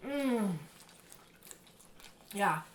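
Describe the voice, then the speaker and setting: A woman's voice: medium pitch, lively intonation, extremely slow. A woman talks casually to viewers as a vlog co-host while eating, chewing and murmuring over the food between short remarks. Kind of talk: casual mukbang chat to viewers. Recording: echoey room with background noise.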